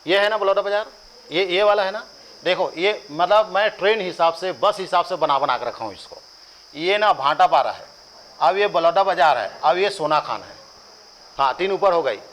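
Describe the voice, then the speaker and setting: A man's voice: high voice, animated, moderate pace, fairly bright tone, a little hiss or hum, poor audio. A man with a Chhattisgarhi accent teaching a coaching class, drilling lists by rhythmic repetition with joking asides to students. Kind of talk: classroom lecture with chanted drills.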